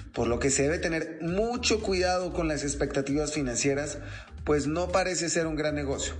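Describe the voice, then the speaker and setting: A man presents a prepared commentary segment on the radio. His voice sits a little high, with faint music behind him.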